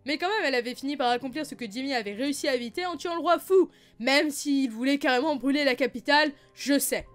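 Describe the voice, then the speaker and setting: A young woman vlogger talking casually about fan theories, playful and self-mocking, her voice slightly hoarse. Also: high-pitched, quick pace, soft background music. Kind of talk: casual chatty video commentary.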